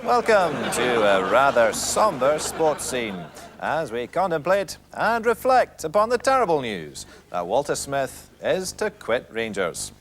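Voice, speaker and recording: A man's voice: mid-range voice, huge pitch swings, measured pace, background noise. A Scottish man presenting a mock sports show in a dry, mock-solemn way.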